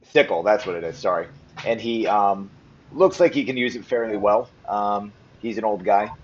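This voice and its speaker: A man narrating as game master for a tabletop game, relaxed with frequent ums. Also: lowish voice, moderate pace. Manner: casual, lots of ums and restarts. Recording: slightly muffled with faint noise.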